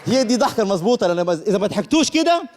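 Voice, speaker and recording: A high-voiced man with a Levantine Arabic accent does stand-up, teasing the audience deadpan. A clear crowd and steady noise sit under his stage mic. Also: rapid-fire. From Jordan. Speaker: stand-up comedian guest.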